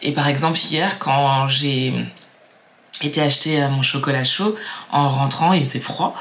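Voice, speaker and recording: A woman's voice: rumbling low, fairly even intonation, normal speed, a bit bright. A young woman from Martinique talking to camera in a casual, reflective vlog, chatty and musing, with many fillers and repeated words. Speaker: vlogger.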